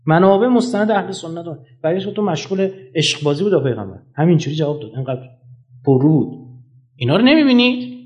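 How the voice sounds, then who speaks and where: Emphatic high-pitched male lecturer. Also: sing-song, darkish tone, dull audio. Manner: emphatic, rhetorical questions, sweeping pitch swings. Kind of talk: lecture to an audience.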